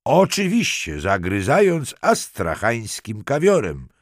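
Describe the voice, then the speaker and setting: A man's voice: deep voice, lively intonation, moderate pace, no room sound. A man reading a self-assured police lieutenant who trades dry, ironic banter. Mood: wry.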